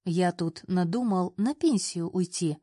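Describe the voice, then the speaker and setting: A woman's voice: on the low side, unhurried, dark tone, dry recording, clean studio sound. A woman voicing a cheerful, persuasive older uncle who talks in a folksy, coaxing manner.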